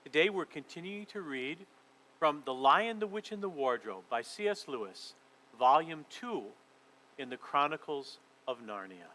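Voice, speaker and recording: A man leading a children's church session and reading a storybook aloud in a lively, expressive way. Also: fairly high pitch, moderate pace, poor audio.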